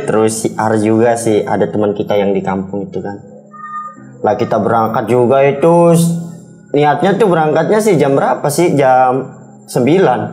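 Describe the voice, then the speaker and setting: A man's voice: lowish voice, dark tone. A young man recounts an experience casually, in a rambling, repetitive, colloquial way, slipping into quoted dialogue. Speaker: guest recounting a ghost experience. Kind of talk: casual spoken storytelling. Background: background music.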